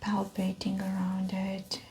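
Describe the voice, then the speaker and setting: A woman with a mid-range voice whispers softly and slowly in an ASMR medical exam roleplay, calmly explaining each step of the check. There's a little hiss or hum in the audio.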